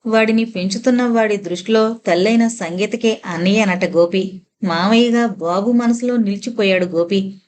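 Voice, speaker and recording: A woman narrator reading a novel aloud in a steady, expressive storytelling manner. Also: mid-range voice, normal speed, a little hiss or hum.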